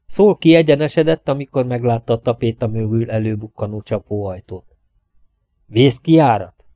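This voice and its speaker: Mellow male audiobook narrator. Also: medium pitch, steady tone, no echo, clean studio sound. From Hungary. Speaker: audiobook reader.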